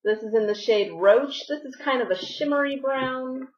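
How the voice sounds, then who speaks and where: A woman's voice: sits high, normal speed, highs cut off. A woman beauty vlogger narrating a makeup tutorial, giving friendly step-by-step instructions while slightly losing her voice.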